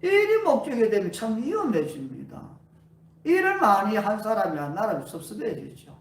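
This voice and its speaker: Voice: medium pitch, huge pitch swings, normal speed, recorded from a distance. A pastor preaching a sermon at a healing revival, asking the congregation question after question. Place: church sanctuary. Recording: roomy church hall, voice away from mic.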